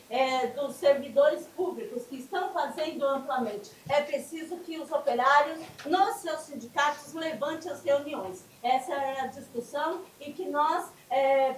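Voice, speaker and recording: A woman speaking at a public meeting, giving an impassioned speech full of hesitant fillers that builds to a rallying call. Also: high-pitched. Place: union meeting hall. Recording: echoey hall, voice from far off, some noise.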